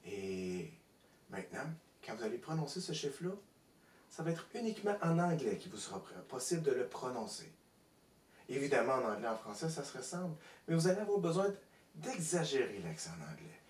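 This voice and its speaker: A man working as a stage hypnotist, giving slow repeated suggestions and hushing sounds. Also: mid-range voice, big pitch swings, a little hiss or hum. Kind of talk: hypnosis demonstration. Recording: echoey room, distant mic.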